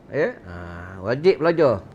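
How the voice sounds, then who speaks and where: A man's voice: a little high, big pitch swings, moderate pace, a little mellow, a little hiss or hum. A man with a Malaysian Malay accent giving a religious lecture at a mosque gathering, rhetorical and joking, quizzing his listeners. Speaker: religious teacher. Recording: dull lo-fi recording.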